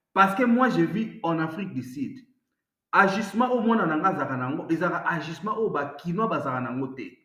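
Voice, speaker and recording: A man's voice: high voice, a bit bright, echoey room. A man hosting online news commentary, talking in a rambling, conversational way. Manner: rambling, code-switching commentary. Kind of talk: casual commentary.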